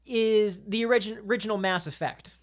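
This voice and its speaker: Speaking briskly at a medium pitch, this woman debates games as a casual podcast panelist. While making her argument, she frequently restarts her sentences and repeats words.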